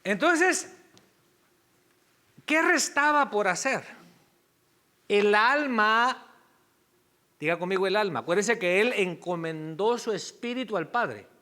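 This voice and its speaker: A male pastor delivers a Sunday sermon in a relaxed, conversational way, stopping for asides and fixing his own slips. His voice sits high and sounds bright and forceful, and he takes his time over every phrase. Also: slow pace, pauses often. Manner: conversational preaching, asides and self-corrections.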